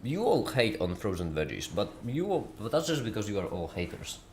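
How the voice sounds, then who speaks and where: A man's voice: lowish voice, big pitch swings, a little fast, echoey room, very noisy. A man chatting casually on a live stream while eating, often talking with his mouth full.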